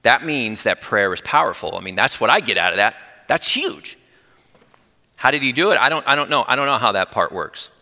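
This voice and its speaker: A middle-aged man giving a conversational sermon with personal testimony, earnest and growing excited, speeding up when fired up. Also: mid-range voice, brisk, gravelly. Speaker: lay preacher. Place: church. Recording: long reverb in a church hall.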